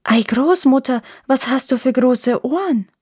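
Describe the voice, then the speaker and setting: A woman voicing a trusting little girl in a fairy tale reading, talking high and eager. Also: expressive, normal speed, no room sound, clean studio sound. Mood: wondering. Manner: bright, eager, chattering.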